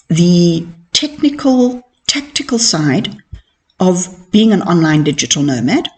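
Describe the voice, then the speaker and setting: A middle-aged woman who says her R's softly, like W's, telling her own story as a podcast host in a candid, reflective, self-assured way. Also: mid-range voice. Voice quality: cannot pronounce R's properly, softened w-like R. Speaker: podcast host and mentoring coach. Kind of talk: personal storytelling monologue.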